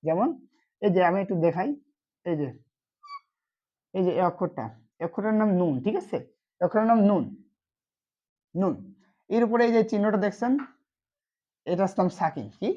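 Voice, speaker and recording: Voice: medium pitch, normal speed, pauses often, warm tone, dull audio. A Quran reading teacher giving an online lesson, asking short questions and answering them himself.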